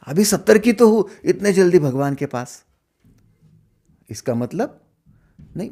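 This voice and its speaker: A middle-aged man teaches a spiritual discourse, posing rhetorical questions and swinging from loud emphasis to hushed asides. His voice is fairly high-pitched and husky.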